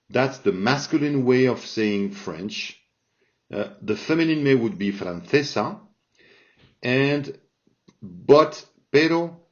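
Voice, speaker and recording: A man teaches a grammar lesson at an unhurried, careful pace, checking in with his listeners after each point. His voice sits at an ordinary middle pitch. The recording is dull and a little lo-fi. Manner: slow, patient, checks in with "all right?" often. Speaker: Spanish teacher. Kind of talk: language lesson explaining grammar. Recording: dull lo-fi sound.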